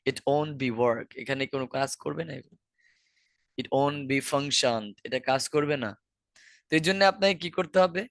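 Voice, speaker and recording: A Bangladeshi man runs an online exam-prep lesson, walking students through answers one step at a time and asking rhetorical questions. His voice sits a little high for a man, and the recording is dry and close. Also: a bit bright, dry recording. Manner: explains step by step, repeats key words, asks rhetorical questions. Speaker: IELTS teacher.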